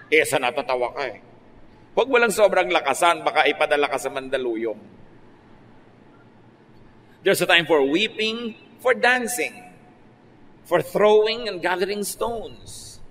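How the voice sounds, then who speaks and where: A Filipino pastor preaches with easy, joking asides in a somewhat high voice. His words ring out with a long reverb in a large hall. A faint ambient hum sits under the talk. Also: a bit bright. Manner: conversational preaching, mixing Tagalog and English, playful asides. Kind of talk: sermon.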